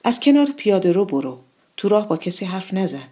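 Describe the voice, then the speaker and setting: A woman voicing a busy, protective mother with a husky voice, speaking firmly. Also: medium pitch, very animated, warm tone. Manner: firm, protective. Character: busy caring mother baking bread, middle-aged.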